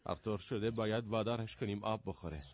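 An actor playing a young man who coaxes and commands while calming a frantic poisoned horse, in a drama. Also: fairly low pitch, close to an everyday voice. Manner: urgent, coaxing and commanding. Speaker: tractor driver in a radio drama. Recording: dull lo-fi audio with loud noise.

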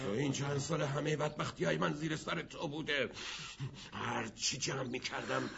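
A man's voice: a little high, vocal fry, muffled recording. An actor dubbing a desperate, vengeful gangster who holds a gun on his enemy. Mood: menacing. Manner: menacing, shouting, then pleading and bitter. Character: desperate vengeful gangster holding a gun, middle-aged man. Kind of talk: Persian film dub.

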